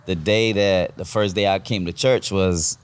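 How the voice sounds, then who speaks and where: A man's voice: deep voice, fairly even intonation, unhurried, clean tone. A man giving a casual, earnest personal testimony in informal speech as a guest. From Puerto Rico. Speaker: podcast guest, church member.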